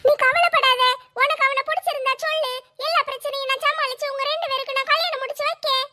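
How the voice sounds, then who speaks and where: A woman's voice: extremely high pitch, steady tone, fast, bright, forceful tone. A woman voicing a bold, bossy older sister who scolds and reassures in a brash way.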